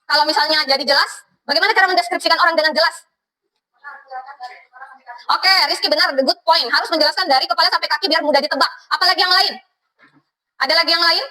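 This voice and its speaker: In a school classroom, a woman with an Indonesian accent teaches and encourages her students, mixing English phrases into her speech. Her voice is very high, fast and sharp-toned, and the audio quality is poor.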